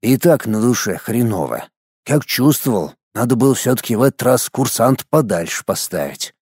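A man voicing a weary, gruff male squad commander. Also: medium pitch, very animated, normal speed, a little mellow, dry recording, studio quality.

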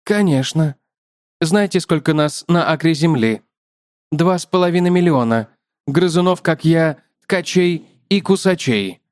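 A man's voice: on the high side, measured pace, darkish tone, dry recording, voice pushed up, close to an everyday voice. Man doing a chatty spider, polite, lecturing, raised voice, dry close sound. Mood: courteous. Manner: courteous, matter-of-fact, lecturing. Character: polite chatty male spider, a small biter.

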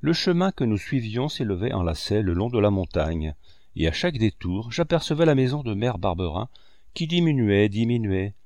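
A man reading a classic novel aloud as an audiobook narrator, measured and expressive. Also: fairly low pitch, no room sound, studio quality.

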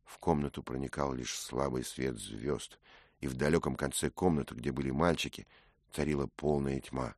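A man narrating a story in a measured, dramatic way. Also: extremely low pitch, gravelly, no room sound, studio quality. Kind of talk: scripted narration.

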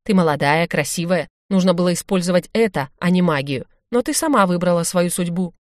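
A grave male orc shaman, as a woman reading aloud puts him on, answers curtly and firmly in broken phrases. The voice sits fairly low, and the recording is dry and close. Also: lively intonation, fairly quick, dry recording, natural voice. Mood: stern. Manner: curt, firm, broken phrasing.

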